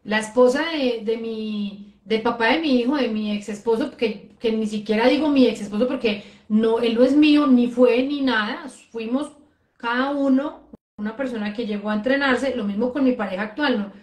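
A woman's voice: on the high side, normal speed, darkish tone, roomy sound. A woman host talking casually about her relationships, telling personal anecdotes in a conversational way. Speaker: host, life coach. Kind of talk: casual chat.

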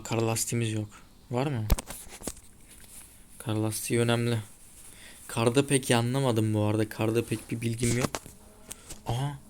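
A man giving casual gameplay commentary, chatting to viewers and grumbling as he plays. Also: medium pitch. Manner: chatty, grumbling, talks to viewers while playing. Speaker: gaming YouTuber. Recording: loud car game sound behind voice. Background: racing game engine and tire noise.

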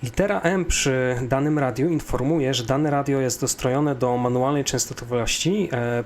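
A man with a Polish accent explains a flight simulator step by step, like an instructor in an unscripted software tutorial. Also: mid-range voice, slight background noise.

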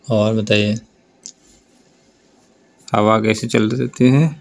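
A man with a fairly low voice teaches a grammar class for board exams at a slow, deliberate pace. He draws out the example words and keeps prompting the students to look and answer. His accent is North Indian Hindi. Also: level tone, gravelly. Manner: slow, drawn-out explanation with repeated prompts to look. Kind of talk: board exam grammar lesson.

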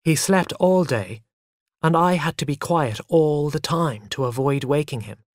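Lively first-person storyteller. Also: mid-range voice, unhurried, no room sound, clean studio sound. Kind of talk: first-person story narration for English learners.

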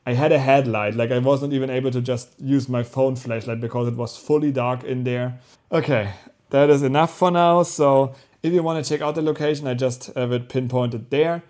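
A young man from Germany talking casually to camera as a vlog host, telling his story in an animated, rambling way with self-corrections. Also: mid-range voice, moderate pace. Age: young adult. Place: small rooms at home, indoors.

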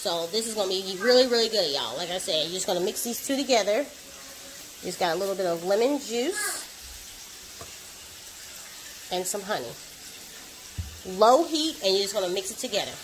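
A woman talks through her home cooking vlog in a chatty, easygoing way and calls her viewers y'all. Her pitch moves a lot as she talks. A faint kitchen ambience sits behind her. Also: animated, moderate pace, long pauses, slight background noise. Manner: chatty, addresses viewers as y'all, savoring food. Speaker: cooking vlogger.

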